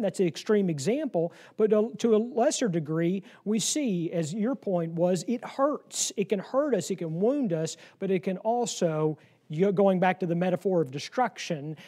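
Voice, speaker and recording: A man leading a Bible study class in a room, lively and joking, often laughing as he explains proverbs. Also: high-pitched. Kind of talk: interactive Bible lesson.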